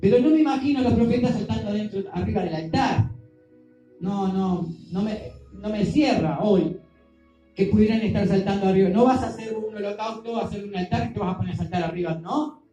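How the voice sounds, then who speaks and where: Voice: mid-range voice, a little fast, mellow, heavy reverb, soft background music, low-quality recording. A preacher giving a sermon, speaking conversationally and often asking the congregation questions. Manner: conversational, asks the congregation questions, acts out scenes.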